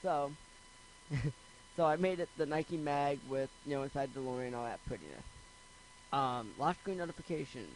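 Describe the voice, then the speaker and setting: A man's voice: on the high side, lively intonation, normal speed, a little hiss or hum, poor audio. A man hosting a casual, rambling computer screencast tutorial, with jokey, self-deprecating asides. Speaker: screencast host.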